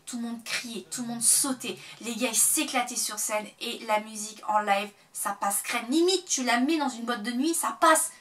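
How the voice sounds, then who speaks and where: A woman chatting casually to camera as a vlogger, full of fillers and sudden excited bursts. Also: on the high side, recorded from a distance.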